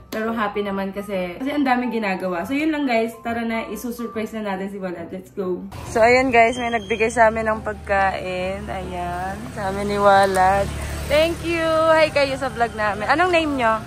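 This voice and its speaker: Young woman vlogger from the Philippines, worn-out tired voice, excitable and teasing, phone-held, light background music. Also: medium pitch, moderate pace. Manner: excitable, laughs and teases a lot. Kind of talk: casual vlog chat. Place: messy bedroom at home.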